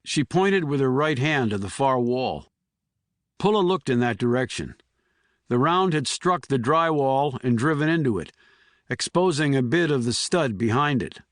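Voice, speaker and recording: A man narrating a thriller audiobook in a measured, even way. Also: medium pitch, dry recording, studio quality. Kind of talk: scripted narration.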